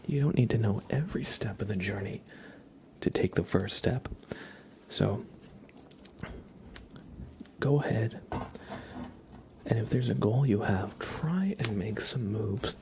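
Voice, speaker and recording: Close to the microphone, a man hosting an ASMR livestream talks in a soft, breathy half-whisper, gentle and unhurried. His voice is lowish, with slight background noise.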